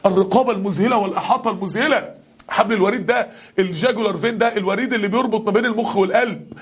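A man with an Egyptian Arabic accent preaching a passionate sermon to a congregation, his voice climbing to shouts on the key lines. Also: high voice, rapid-fire, slightly rough. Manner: impassioned, rising to shouts on key verses.

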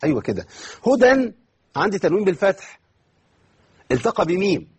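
Husky fast-talking Egyptian man teaching recitation. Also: high voice, very animated. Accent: Egyptian Arabic. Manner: fires rhetorical questions and answers them himself; drawls words out slowly to demonstrate recitation. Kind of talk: online recitation lesson.

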